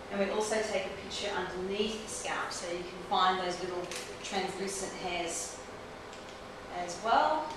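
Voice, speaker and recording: A woman in her forties, a trichologist, explains a technique step by step while working on a client in a small clinic room, recorded by a camera mic across the room. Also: medium pitch. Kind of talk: hands-on instructional demonstration. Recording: roomy echo from a distant camera mic, clear background hiss.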